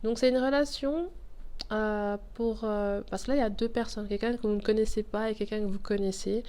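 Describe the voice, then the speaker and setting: This tarot reader, also nursing a cold, talks a little fast in a mellow, medium-pitched voice with fairly even intonation. Reading casually to camera, she chats, thinks out loud as the cards come up, and laughs off her slip-ups.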